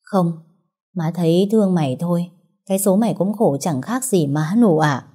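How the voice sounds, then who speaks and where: A woman's voice: fairly low pitch, normal speed, husky. Woman doing a weary worried mother. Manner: soft, sighing.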